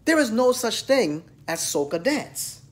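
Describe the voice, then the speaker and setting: Speaking a little slowly with an extremely high pitch and big swings in intonation, an American man in his thirties rants at his phone camera, held at arm's length. The dance vlogger lectures emphatically, talking straight to the viewer from a small room.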